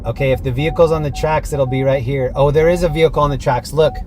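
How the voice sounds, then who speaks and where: A man hosting a livestream, talking casually and excitedly about what he sees as he drives. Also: mid-range voice, fast talker. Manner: chatty, easily excited, playful. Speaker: livestream host. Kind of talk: casual driving commentary. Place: inside a car while driving. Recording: car cabin with clear road noise. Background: road and traffic noise.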